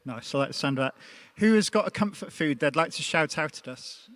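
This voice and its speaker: A man's voice: on the high side, expressive, a little fast, a bit bright, no room sound. Chatty man hosting a dry panel. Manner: friendly, chatty. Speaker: panel host. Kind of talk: hosting a live panel talk.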